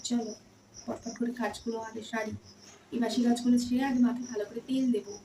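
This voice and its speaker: A woman chatting casually in a home vlog, rambling and speaking softly because others are asleep. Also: fairly high pitch, fairly even intonation, fast, a little hiss or hum, rough recording. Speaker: vlogger.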